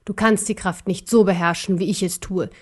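A woman's voice: on the low side, fairly even intonation, natural voice. Woman playing a scornful ancient emperor. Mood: contemptuous. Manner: slow, scornful and gloating. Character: arrogant ancient male emperor, cruel and cold. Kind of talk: audiobook character voice.

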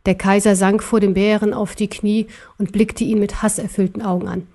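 A woman narrating a storybook in an expressive, dramatic way. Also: mid-range voice, normal speed. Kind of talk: storybook reading.

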